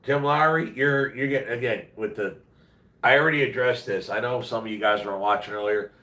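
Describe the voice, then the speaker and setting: A little fast, sharp-toned and medium-pitched, he hosts a casual home livestream while under the weather, his voice congested, nasal and worn out. He rambles bluntly in plain, slangy terms. The roomy room echoes, and the mic is distant.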